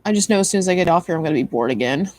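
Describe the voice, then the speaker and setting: A woman's voice: fairly low pitch, lively intonation, rapid-fire, a little mellow, no room sound. A tired young woman chatting casually with her stream viewers, rambling with many likes and ums. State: tired, yawning. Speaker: livestream host.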